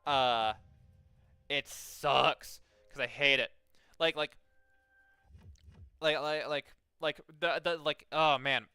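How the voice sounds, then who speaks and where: A man's voice: a little high, steady tone, slow pace, long pauses, pushed and bright, clean tone, no echo, soft background music. A young man streaming a game, chatting casually and reading game text aloud, rambling with many fillers and restarts and swearing freely.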